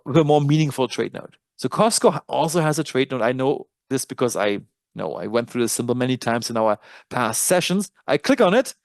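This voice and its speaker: This German-accented man, with a slightly high voice and no echo, gives a webinar tutorial on a trading dashboard. He explains the features in an easygoing way, frequently correcting himself.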